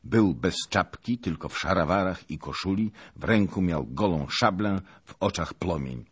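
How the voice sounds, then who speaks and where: A man's voice: low voice, animated, husky. A man dramatically narrating a historical novel in an audiobook. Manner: dramatic, slow and deliberate.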